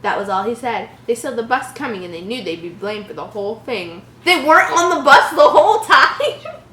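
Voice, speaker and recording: A woman reads a horror story aloud, breaking in with sarcastic, exasperated commentary. Her fairly high voice swings widely in pitch, bright and forceful at a normal speed. The recording has a roomy echo and faint background noise.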